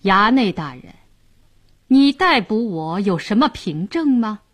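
A woman's voice: medium pitch, very animated, slightly rough, exaggerated voice. A woman doing a stern upright magistrate. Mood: stern, mocking. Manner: measured, stern, commanding. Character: stern upright male magistrate, calm and dignified.

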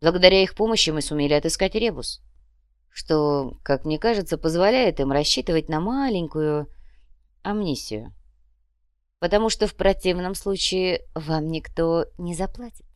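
A smooth mercenary, read by a woman narrator, making his case in a calm, friendly way. The voice is lowish and close in an audiobook. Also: moderate pace, dry recording, natural voice. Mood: persuasive.

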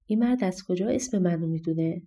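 A woman voicing Jack, a carefree and hopeful young boy in a storybook, eager and quick to protest. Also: on the low side, dark tone, lightly acted.

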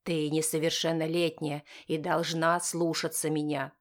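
A woman with a low voice, a flat delivery and a somewhat slow pace voices a character in an audiobook drama. She plays a stern, wounded, authoritative father of a teenage girl, speaking curtly and firmly in a stern, bitter mood.

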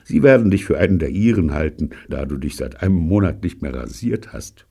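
A man's voice: low voice, expressive, a little fast, creaky, warm tone, slightly rough, heavily acted. A man reading aloud, voicing a teasing young pupil who reassures with a joke.

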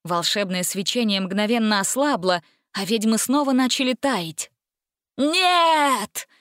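A woman narrates a fairy tale in a steady, expressive storybook reading. Her voice sits in the middle range. The recording is dry and close, with no room sound. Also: medium pitch, normal speed, no echo. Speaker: audiobook narrator.

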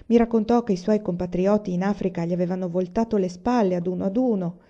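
Woman narrating in a warm low voice. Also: dull audio. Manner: calm, measured reading. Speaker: reader. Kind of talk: audiobook narration.

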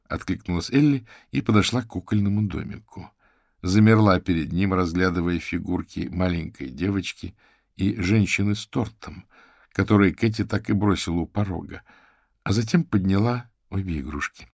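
A man reading an audiobook in steady scripted narration. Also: sits low, normal speed, creaky, no room sound, clean studio sound.

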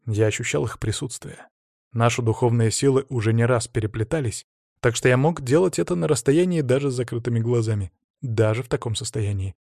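A man reading a first-person fantasy audiobook in an expressive, lively storytelling manner. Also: medium pitch, fairly quick, creaky, dry recording, studio quality. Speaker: audiobook narrator.

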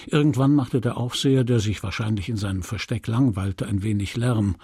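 A man narrating a classic novel with a gravelly, husky voice, measured and expressive. The studio recording is close and dry, with no room sound. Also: on the low side, no room sound. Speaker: audiobook narrator. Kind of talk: literary audiobook reading.

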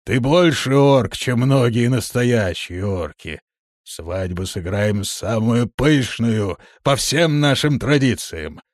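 A man voicing an old, gruff male orc khan who talks in a drawn-out, deliberate way. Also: mid-range voice, animated, no room sound, studio quality.

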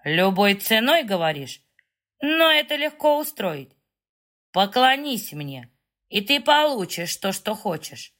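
A woman's voice: mid-range voice, sing-song, slow pace, fairly bright tone. A woman reading a smug dragon lord. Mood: mocking. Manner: mocking, self-assured. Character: arrogant male shadow dragon lord.

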